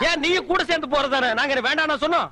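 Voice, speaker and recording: An actor playing a sharp-tongued man who mocks and scolds loudly in comedic film dialogue. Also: very high voice, racing, exaggerated voice. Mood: mocking. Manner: loud, sarcastic scolding. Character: sharp-tongued mocking man, quick to insult. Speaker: comic film character.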